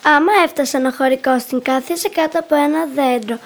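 A woman's voice: high-pitched, vocal fry. A woman reading a folk tale with tender, pleading emphasis. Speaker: storyteller.

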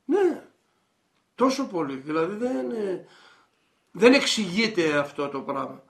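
An older man with a high, gravelly voice recalls the old days in earnest. He halts often and searches for words. His talk is full of fry. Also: very animated. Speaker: interviewee. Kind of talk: nostalgic reminiscing.

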